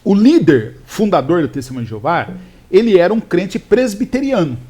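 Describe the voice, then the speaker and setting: A male pastor explaining scripture in a casual chat, telling it with animated restarts and fillers. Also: high voice, normal speed, husky. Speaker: pastor, podcast co-host.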